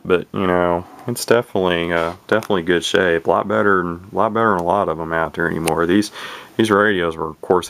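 Heard through a camera mic with a little hiss or hum, a man off screen behind the camera shows off his old radio gear in a casual, off-the-cuff show-and-tell. His low voice is gravelly and a bit bright, and he rambles folksily with plenty of fillers and restarts.

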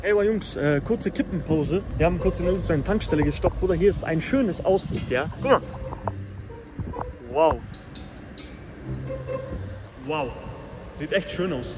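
High-pitched young man. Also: lively intonation, normal speed, very noisy. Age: 20s. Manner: slangy, brash, loose broken grammar. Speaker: vlogger. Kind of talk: casual street-slang vlog chat. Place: cars and streets outdoors. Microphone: phone at arm's length.

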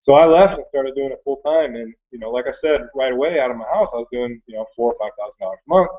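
Recorded on webcam audio that sounds thin and phone-like, a Michigan man in his thirties shares his story as an online reseller. He has an American accent and a medium-pitched voice, talking fast in a rambling, casual manner from a cramped, cluttered workroom indoors.

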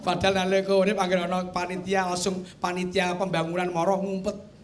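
A man's voice: high voice, monotone, a little fast. A man with a Javanese accent preaching a humorous sermon as kyai, chatting with and teasing his audience. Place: TV studio with audience. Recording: audience noise behind.

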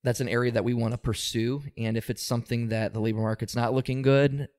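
Speaking quickly and flatly, this man has a medium-pitched, slightly mellow voice. He's an employment supervisor giving interview answers, steadily explaining things while often saying "um" and restarting small bits.

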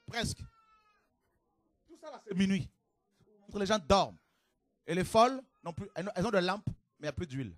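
A man preaching a fiery sermon to a congregation, with shouted exclamations and rhetorical questions. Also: high voice, no room sound, clean studio sound.

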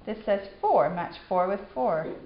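A young woman patiently teaching her son sight words, giving steady praise. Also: mid-range voice, unhurried. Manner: encouraging, patient, repetitive praise. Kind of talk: one-on-one reading drill. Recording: echoey room, slightly dull home video.

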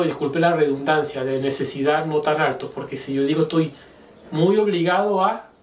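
Man, teacher, patient, slow repeated examples, fairly high voice, roomy echo, mic set back. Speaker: Chinese language teacher. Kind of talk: whiteboard lesson explaining grammar. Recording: echoey room, mic at a distance.

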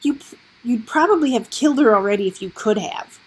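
A woman's voice: a little high, lively intonation, normal speed, creaky, slightly rough, voice pushed up, heavily acted. A woman voicing an anxious, stubborn young boy with an urgent, pleading way of talking. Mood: bitter.

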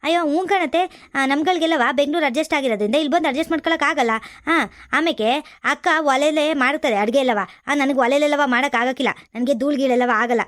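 A woman's voice: high voice, fast talker, dry recording, clean studio sound, close to an everyday voice. A woman playing a spoiled young daughter-in-law from the city who complains and talks back, in a comedy skit. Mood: complaining.

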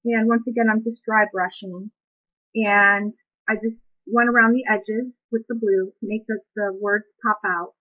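A woman demonstrating a craft project, calmly talking through each step as she works and reflecting as she goes. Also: on the high side, rough recording. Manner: calm, reflective, unhurried.

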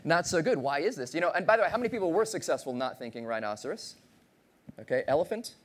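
Animated man giving a lively keynote. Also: fairly high pitch, quick pace. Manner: animated, playful, audience-engaging, acts out voices. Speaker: keynote speaker. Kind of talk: motivational keynote speech. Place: large conference stage with audience.

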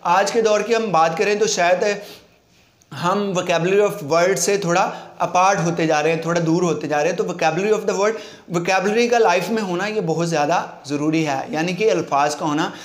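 A man giving a spoken lesson on speaking skills. He mixes English phrases into his talk and slowly repeats words to show how they are said. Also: high voice, reverberant. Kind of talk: instructional talk to camera.

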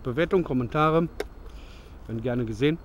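A bushcraft vlogger in his thirties rambles chattily while showing off gear in the woods at dusk, correcting himself, held close on a handheld camera. His medium-pitched voice moves a little fast, and the sound is lo-fi with background noise.

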